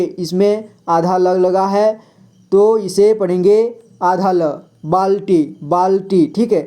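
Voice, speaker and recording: A man giving a slow reading lesson, patiently spelling out words and repeating each one several times for learners. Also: sits high, mellow. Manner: asks and answers his own questions. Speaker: Hindi reading teacher.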